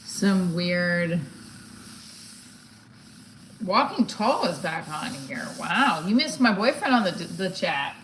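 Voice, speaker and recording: Her voice low and a bit bright, this comedian in her forties talks slowly and very animatedly on a livestream, leaving long pauses. She's blunt and candid, rambles, and often breaks off mid-thought. Some background noise and a roomy echo come through.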